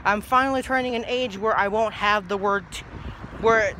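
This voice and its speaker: A man's voice: high voice, moderate pace, sharp tone, slight background noise. A young man in his twenties talking casually to his phone at arm's length outdoors, rambling and easily sidetracked. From New Jersey. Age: young adult. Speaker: vlogger. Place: outdoors by a brick house in a grassy yard. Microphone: phone held low at arm's length.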